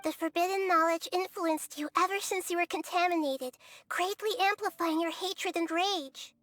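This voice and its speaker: An actress voicing a young-looking goddess in a game, calm, gentle and wise, with a soft, childlike voice. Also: female voice, very high voice, moderate pace, no echo, faint music behind.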